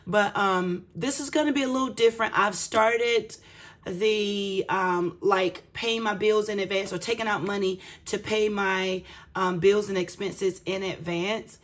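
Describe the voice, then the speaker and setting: Explaining money matters to her viewers, a female budgeting vlogger keeps things casual, folksy, and self-deprecating. Her mid-range voice is slightly raspy and cracked, with fairly even intonation and a measured pace.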